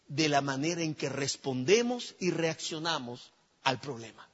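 Male pastor, high lively voice with a husky edge, preaching in a reverberant church; dull recording. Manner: animated storytelling, rising to shouts at the climax. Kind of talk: sermon. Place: church hall.

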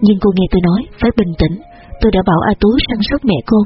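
A man voicing a firm young man who calmly steadies a panicked girl. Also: high-pitched, racing, husky, highs cut off, faint music behind. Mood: firm calming.

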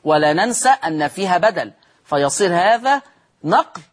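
A man's voice: high-pitched, lively intonation, moderate pace. A man with an Egyptian accent teaching Quran recitation rules on television, explaining step by step and answering his own questions. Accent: Egyptian Arabic.

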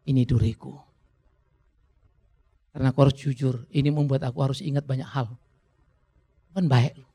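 A man's voice: medium pitch, steady tone, moderate pace, vocal fry, long pauses, warm tone, husky. A middle-aged man preaching a sermon in a church, in a chatty, conversational way with jokes for the congregation. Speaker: pastor.

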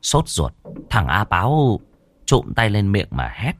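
A man narrating a ghost story in a lively, expressive way. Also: on the low side, takes it slowly, a little hiss or hum. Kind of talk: scripted narration.

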